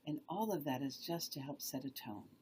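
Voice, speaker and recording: A woman guest in an interview, speaking softly and reflectively about spiritual matters, often dropping to a near whisper. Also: low-pitched, lively intonation, a little hiss or hum. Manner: soft, often drops to a whisper, gentle and unhurried. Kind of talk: slow reflective spiritual talk.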